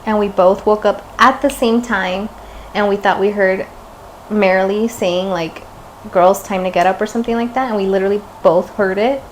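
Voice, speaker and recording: A woman's voice: medium pitch, normal speed, slight background noise, poor audio. Giggly young woman podcast co-host. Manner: giggly, animated storytelling. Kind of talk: casual chat.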